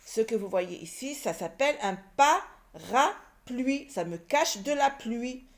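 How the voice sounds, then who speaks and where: A woman's voice: on the high side, lively intonation, normal speed. A woman teaching young children to read, sounding out words syllable by syllable and repeating them. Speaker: primary school teacher. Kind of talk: reading lesson for young children.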